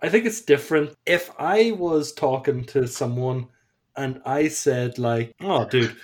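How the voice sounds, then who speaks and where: A man's voice: mid-range voice, measured pace, darkish tone. A man in casual chat who laughs often, mimics silly voices and swears casually.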